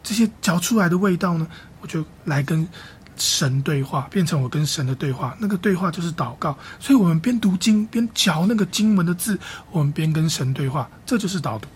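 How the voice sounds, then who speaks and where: Slow, emphatic male pastor teaching. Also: on the high side, lively intonation, slight background noise. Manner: slow, repetitive, emphatic teaching with drawn-out repeated phrases. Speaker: pastor teaching Bible reading. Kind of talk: sermon.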